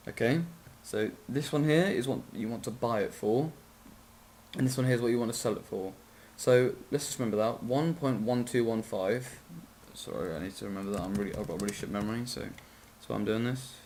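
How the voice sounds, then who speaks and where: A man's voice: medium pitch, moderate pace, a little mellow. A drowsy man talks through a casual game tutorial in an ordinary mid-range voice. He rambles, keeps apologizing, trips over numbers and corrects himself, with the odd swear. A faint hiss sits under his voice. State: sleepy, yawning.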